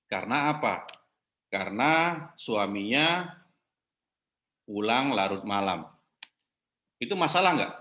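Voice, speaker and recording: Bright-voiced man teaching a marriage class. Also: medium pitch, expressive, slow pace, pauses often. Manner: interactive, asks the class questions; mixes English terms into explanations. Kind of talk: church marriage class lesson. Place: church class room.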